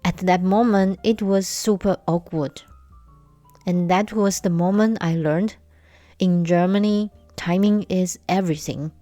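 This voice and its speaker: Faint music sits beneath this dry recording with no room sound, where a young Taiwanese woman hosts her own casual podcast alone. Speaking slowly and deliberately in a steady, slightly low voice, she tells personal stories with light, gentle humor.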